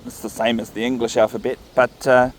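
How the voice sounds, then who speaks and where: Recording on his phone while walking his dog along an outdoor path, a man with a New Zealand accent rambles casually for his vlog. His mid-range voice has little pitch movement, and he muses aloud at an unhurried pace.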